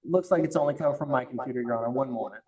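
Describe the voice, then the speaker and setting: A male prosecutor addressing a judge in a formal, deferential and halting manner during a court hearing. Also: medium pitch, mellow, husky, muffled recording.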